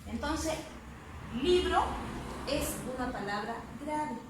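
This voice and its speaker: A woman teacher explains a grammar lesson patiently, slowing down to repeat words one syllable at a time. Her fairly high voice sits some distance from the mic and rings in a strongly echoing room over faint background noise. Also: lively intonation. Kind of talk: spanish grammar lesson to students.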